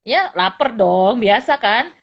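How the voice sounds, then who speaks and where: A middle-aged woman psychologist and lecturer chatting casually, telling animated anecdotes and often laughing. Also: fairly high pitch, slow. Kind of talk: casual storytelling chat. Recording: dull lo-fi recording.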